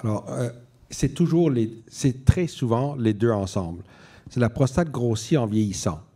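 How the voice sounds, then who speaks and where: A man's voice: mid-range voice, expressive, moderate pace, warm tone, breathy edge. A man, a medical specialist explaining things in plain everyday words as part of a panel. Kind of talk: plain-spoken expert explanation.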